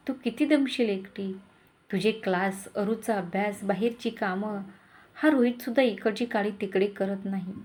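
A woman's voice: medium pitch, darkish tone, close to an everyday voice. A woman voicing a caring older mother-in-law. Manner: bossy yet tender.

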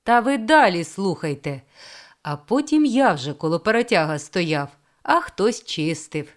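A woman voicing a boastful middle-aged male railway inspector, loud and drawling as he tells his tale. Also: fairly low pitch, very animated, measured pace. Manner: loud, drawling, self-pleased storytelling.

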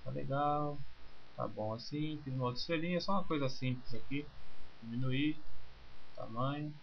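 A man, teaching software in a screencast and calmly walking through each click step by step. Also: mid-range voice, moderate pace, vocal fry. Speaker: software instructor. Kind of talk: screencast tutorial. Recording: slightly muffled with faint hiss.

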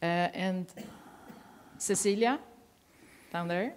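A woman's voice: mid-range voice, slow pace. A woman hosting a museum panel, introducing guests and colleagues with many hesitant fillers. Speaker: museum host.

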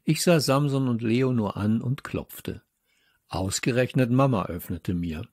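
A man narrating a children's audiobook with lively storytelling. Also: medium pitch, measured pace, no room sound, studio quality. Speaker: audiobook reader.

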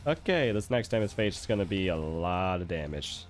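Low-voiced male streamer with hiccups. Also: sing-song, normal speed. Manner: chatty, reacting to the game with small exclamations. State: has the hiccups. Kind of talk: casual gameplay commentary. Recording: faint music behind.

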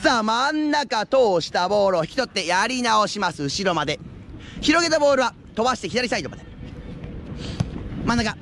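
High-pitched man shouting rising goal commentary. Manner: excited rising goal calls with drawn-out shouts. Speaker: futsal referee and live play-by-play commentator. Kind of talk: live sports commentary. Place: outdoor floodlit futsal pitch at night. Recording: outdoor action camera with ambient noise.

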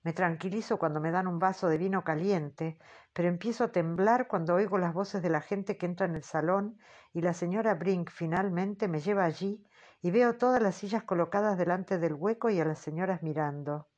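A woman narrating an audiobook in the first person, in a measured, earnest storytelling manner. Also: on the low side, a little mellow, dull audio.

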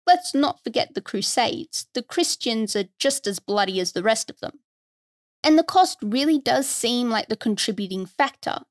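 A woman's voice: fairly high pitch, no room sound, clean studio sound. A woman hosting a history podcast, reading a scripted narration in a conversational tone with wry asides. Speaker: podcast host.

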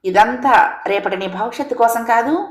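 A woman's voice: fairly high pitch, normal speed, voice pushed up, close to an everyday voice. A woman voicing a pushy, impatient father. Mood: insistent. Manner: pushy, scolding, demanding. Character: impatient domineering middle-aged father. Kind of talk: storybook character voice. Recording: roomy echo.

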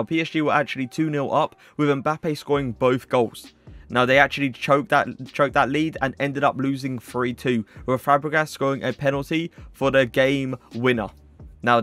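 A man's voice: medium pitch, a bit bright. A young man giving casual video-game commentary as a YouTuber, chatty and leaning on stock phrases.

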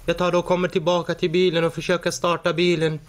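A man in his forties giving a halting personal account as a defendant in a courtroom, often stumbling and restarting words. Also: on the high side, completely flat delivery. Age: 40s.

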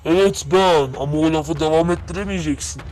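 A man's voice: fairly high pitch, a little fast, darkish tone, close to an everyday voice. A man voicing a smug, mocking, unbothered fighter in a comedic Turkish cartoon fan dub. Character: smug, mocking opponent of a puppet.

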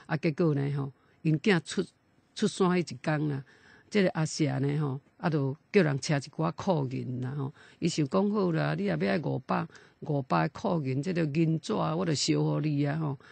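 A man telling a folk tale, animated and emphatic, with frequent drawn-out fillers. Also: fairly high pitch, creaky, husky, no room sound. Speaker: storyteller.

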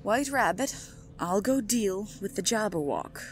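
Slow, imperious Queen of Hearts, played by a woman. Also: mid-range voice, animated, a little hiss or hum, close to an everyday voice. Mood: stern, possessive. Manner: regal, slow, deliberate commanding speech. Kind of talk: audio roleplay drama acting, ASMR.

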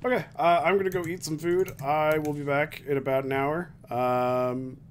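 A man's voice: fairly high pitch, steady tone, moderate pace. A young man giving casual, joking, irreverent let's play commentary as a game streamer. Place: small room at home.

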